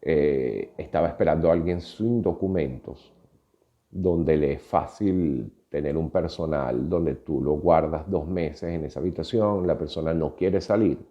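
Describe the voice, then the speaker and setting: Venezuelan man, fifties, Venezuelan Spanish accent, extremely low voice, muffled lo-fi sound, reflective personal storytelling. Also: unhurried. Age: 50s. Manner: reflective, with frequent hesitations. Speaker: podcast host.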